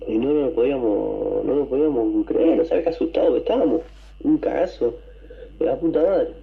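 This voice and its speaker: Excited Argentine man telling a story. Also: medium pitch, a little fast, narrow, tinny audio. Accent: Argentine Spanish. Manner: excited, rambling, swears, coughs and clears throat. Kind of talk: casual storytelling.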